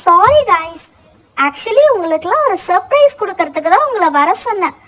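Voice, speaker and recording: A woman voicing a bubbly, very high-voiced girl. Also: very animated, moderate pace, a bit bright, heavily acted. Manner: bubbly, chatty. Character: cheerful generous girl Rosie. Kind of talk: doll-play story voicing.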